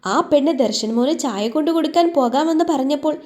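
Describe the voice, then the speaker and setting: A woman voicing a sharp-tongued middle-aged housemaid who scolds loudly and fast. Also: lightly acted. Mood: scolding. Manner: scolding, shrill and quick.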